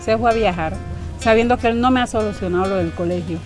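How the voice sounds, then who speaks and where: A woman's voice: medium pitch, fast talker, close to an everyday voice. An actress with a Colombian Pacific coast accent playing an older mother who is suspicious and confrontational, firing questions, in a web drama, with faint music under the voice. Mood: worried. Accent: Colombian Pacific coast Spanish. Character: older woman, anxious and distrustful mother.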